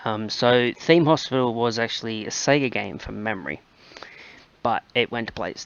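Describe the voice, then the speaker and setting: A man's voice: medium pitch, expressive, normal speed, gravelly, no echo, dull audio. A man hosting a gaming channel, chatting casually and rambling with plenty of fillers as he plays. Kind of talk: casual gameplay commentary.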